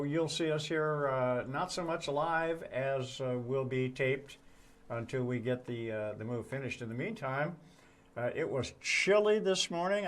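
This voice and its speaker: Folksy man hosting a morning show. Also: mid-range voice. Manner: folksy, wry joking. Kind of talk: casual co-hosted morning chat.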